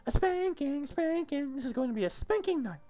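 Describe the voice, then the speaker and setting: A woman's voice: sits high, very animated, very fast, warm tone, muffled recording, faint music behind. Woman playing a gushing, flirtatious castle maiden, Zoot. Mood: eager. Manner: theatrical, gushing, insistent. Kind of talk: comic script read-through.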